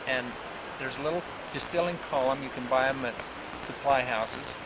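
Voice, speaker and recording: This is a man's voice captured on a worn VHS camcorder tape. He talks at a middle pitch in a folksy, rambling way, walking a group through a process step by step. Heavy hiss and outdoor traffic sit behind him. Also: moderate pace. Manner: folksy and rambling, with many restarts. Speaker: teacher of herbal remedies leading a group outdoors. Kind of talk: informal step-by-step spoken instruction. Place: outdoors by a road during a walk. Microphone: camcorder mic at a distance. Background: loud outdoor ambience with passing vehicles.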